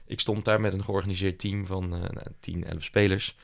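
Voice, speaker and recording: A man's voice: low voice, little pitch movement, moderate pace, creaky. A young man, an entrepreneur, talking casually in an interview and often hesitating with fillers and restarts. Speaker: entrepreneur guest.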